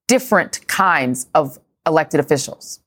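A woman's voice: deep voice, very animated, a little slow, a bit bright. A woman hosting a live news show, asking guests pointed, probing questions. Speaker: TV news host.

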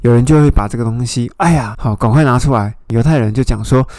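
A man's voice: medium pitch, fast talker, a little mellow, dry recording. A man teaching a Bible study. He explains scripture, retells its scenes and asks his listeners questions.

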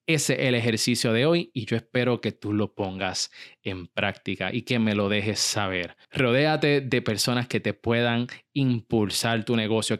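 A man's voice: lowish voice, a bit bright. A man hosting a motivational business podcast, coaching the listener directly. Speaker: podcast host.

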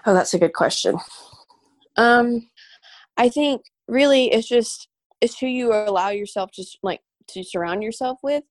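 A woman's voice: on the high side, a little slow, dry recording. Woman guest, earnest and emotional, loose with fillers, dry close sound. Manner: emotional, many fillers and restarts. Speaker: guest singer. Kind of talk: casual interview talk.

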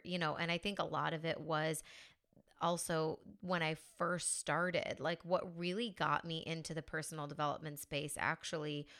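A woman's voice: sits low, a bit bright, clear, resonant tone. Chatty young woman podcast host. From United States. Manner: chatty, upbeat, many fillers like "like" and "you know". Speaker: podcast host and mindset coach. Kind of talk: casual podcast monologue.

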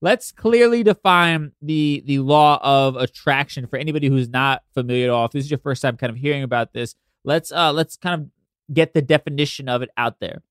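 A man's voice: medium pitch, brisk, a bit bright, clear, resonant tone, no echo, studio quality. A man with a nasal, congested voice hosts a podcast, talking casually with swearing and conversational asides. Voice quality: nasal, stuffed-up. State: congested from allergies. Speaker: podcast host.

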